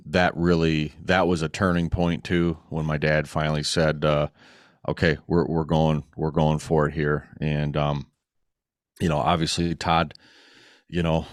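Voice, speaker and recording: Deep monotone middle-aged guy, earnest, lots of pauses, dry close mic. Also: dry recording. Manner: earnest and halting, many pauses. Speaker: guest, racing club organizer. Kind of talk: casual podcast interview.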